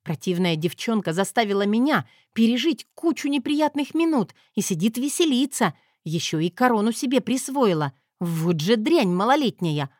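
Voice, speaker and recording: A woman narrating a first-person audiobook with a sardonic, lively delivery. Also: a little high, moderate pace, few pauses, no echo, clean studio sound.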